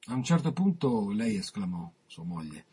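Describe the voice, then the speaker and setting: Very husky man reading aloud. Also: on the low side, sing-song, moderate pace, mellow. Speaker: guest reading his own interview aloud. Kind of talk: reading prose aloud on radio.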